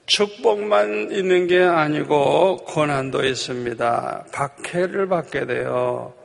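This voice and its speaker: Fervent gravelly preacher in a reverberant church. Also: male voice, fairly high pitch. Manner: fervent, swinging between loud emphatic bursts and soft asides; prods the congregation with tag questions. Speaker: pastor. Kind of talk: passionate Korean sermon. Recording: long hall reverb of a church.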